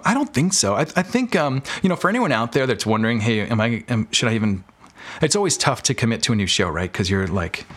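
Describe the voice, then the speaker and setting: A man's mid-range voice comes across sing-song, fast and fairly bright as he guests on a podcast. He's a filmmaker and audio drama creator, and the casual interview chat is candid and informal, full of rambling explanations.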